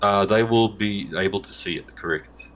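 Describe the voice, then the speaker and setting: Here a male interview guest talks on and on in a relaxed, joking manner, often restarting and correcting himself. His voice sits on the low side, a bit bright, at a moderate pace.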